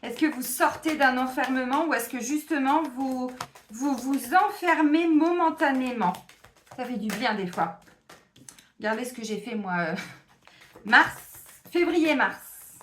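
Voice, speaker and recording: A woman's voice: sits high, normal speed, roomy sound, slight background noise. A woman doing a casual weekly card reading, a therapist who chats directly to her viewers with many fillers. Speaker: tarot card reader and therapist.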